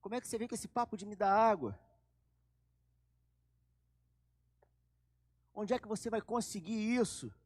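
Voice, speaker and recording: A man's voice: high voice, fast talker. A man playing a weary, pleading woman. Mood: incredulous. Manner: loud, pleading, insistent.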